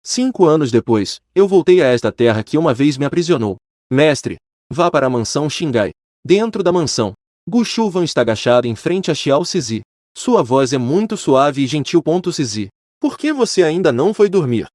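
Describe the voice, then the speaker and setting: A man reading a romance story aloud as first-person narration, in a steady scripted reading tone. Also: on the high side, moderate pace, dry recording, studio quality.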